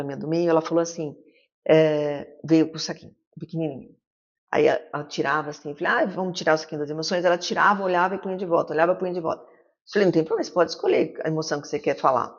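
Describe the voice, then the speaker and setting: Woman, 50s, psychiatrist guest; rapid, lowish voice, animated storyteller who voices her quotes; muffled lo-fi recording. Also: vocal fry. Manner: lively storyteller who acts out quoted dialogue. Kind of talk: casual interview conversation.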